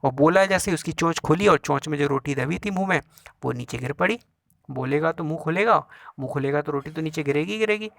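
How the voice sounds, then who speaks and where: A man's voice: fairly high pitch, brisk, gravelly, fairly bright tone, no echo. Man explaining a story word by word. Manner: explanatory, repeats each Sanskrit word then glosses it in Hindi. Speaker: teacher. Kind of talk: Sanskrit lesson, translating a story line by line.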